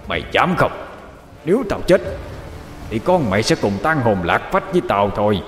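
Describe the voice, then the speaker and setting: A man's voice: medium pitch, sing-song, normal speed, echoey room, in a large hall, soft background music, natural voice. A male storyteller voicing a cruel, vengeful male water demon in a spoken horror story, with a taunting, menacing delivery. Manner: menacing, taunting, with sinister laughter.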